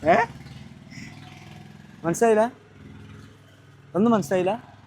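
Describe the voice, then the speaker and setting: A man, hosting a casual vlog outdoors at a roadside stall and gently teasing children with questions. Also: high voice, takes it slowly, a little hiss or hum. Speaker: vlogger host.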